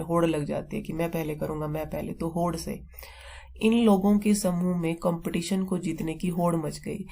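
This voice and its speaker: Woman, teacher, low pitch, warm tone, patient repetitive explaining. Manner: explains slowly with memory tricks, repeats terms. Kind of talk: vocabulary lesson.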